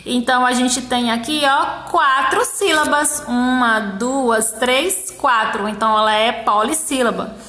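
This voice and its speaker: A woman teacher with a Brazilian Portuguese accent, explaining a workbook lesson to young children and counting syllables slowly one by one. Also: on the high side, pushed and bright, reverberant. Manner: slow, syllable-by-syllable counting, encouraging. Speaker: primary school teacher.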